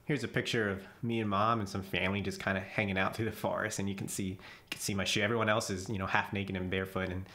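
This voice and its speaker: A man's voice: on the low side, level tone, quick pace, few pauses, bright, forceful tone. A man narrating a voice-over about his jungle memories, chuckling often and restarting his sentences. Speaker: vlogger telling jungle memories. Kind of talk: casual storytelling voice-over. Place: voice-over, not recorded in the jungle.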